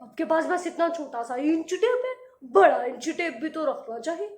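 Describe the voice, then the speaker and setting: A woman's voice: high voice, animated, moderate pace, a little mellow, echoey room. A woman voicing a huge, round, childlike giant man who whines and wails easily, in a storybook reading. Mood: coaxing. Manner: whiny, wails when upset.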